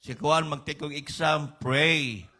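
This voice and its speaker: A middle-aged man with a Cebuano accent preaching a sermon, mixing English and Cebuano and rising to high, emphatic peaks. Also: steady tone, slow pace, sharp tone. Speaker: pastor.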